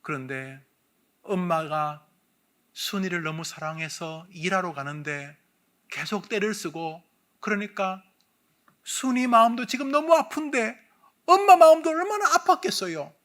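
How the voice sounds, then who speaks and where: A man's voice: sits high, expressive, measured pace, fairly bright tone. A male pastor giving a sermon, acting out counseling dialogues and coaxing the congregation to join in.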